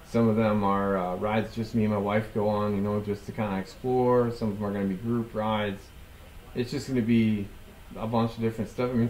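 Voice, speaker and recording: A man's voice: lowish voice, a little mellow, reverberant, rough recording. A man in his forties hosting his own show, talking casually to camera with lots of ums and restarts, on a headset mic. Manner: rambling, many ums and restarts. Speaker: podcast host. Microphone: headset with boom mic.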